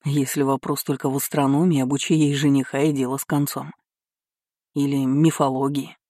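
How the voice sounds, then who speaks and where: Reader doing a wry young nobleman, mocking, mellow, dry sound. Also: mid-range voice, little pitch movement, moderate pace, dry recording, close to an everyday voice. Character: young marquis, dry and sardonic brother. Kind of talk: audiobook character reading.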